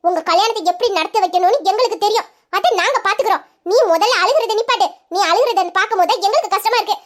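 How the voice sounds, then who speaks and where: A woman's voice: very high-pitched, fast. A woman voicing a caring young woman who comforts a crying friend in an audio drama, speaking in a soothing, coaxing way. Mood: comforting.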